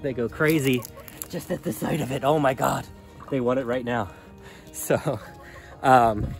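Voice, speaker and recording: A man in his thirties talking casually to a handheld phone outdoors in his chicken run, relaxed and rambling with many ums. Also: mid-range voice. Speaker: small farm vlogger. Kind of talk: casual vlog talk to camera. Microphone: phone at arm's length.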